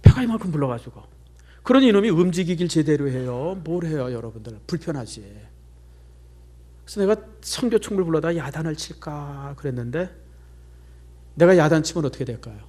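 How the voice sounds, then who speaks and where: Middle-aged male pastor, fairly high voice with big swings, chatty sermon storyteller, drops to near-whispers. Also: lively intonation, fairly quick, mellow.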